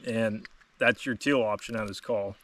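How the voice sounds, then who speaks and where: A man's voice: on the low side, fairly even intonation, normal speed, fairly bright tone, distant mic. A man giving a casual, plain-spoken instructional product demonstration as host. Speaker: host demonstrating duck calls.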